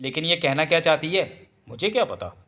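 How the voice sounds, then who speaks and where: A man's voice: fairly high pitch, big pitch swings, a little fast, pushed and bright, exaggerated voice. A male narrator voicing a weary, henpecked husband who answers in a resigned, innocent-sounding way in a storybook reading. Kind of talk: audiobook character voice.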